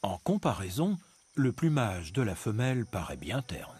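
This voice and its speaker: A man narrating a nature documentary from a script, in a measured, expository storytelling manner with dramatic emphasis. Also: fairly low pitch, sing-song, a little mellow. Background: music bed behind the voice.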